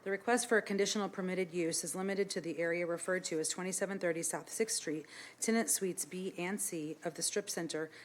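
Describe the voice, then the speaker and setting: A woman chairing a council meeting, formally reading out agenda items and procedure in a brisk, businesslike manner. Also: on the low side, fairly even intonation, a little hiss or hum. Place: indoor council meeting room.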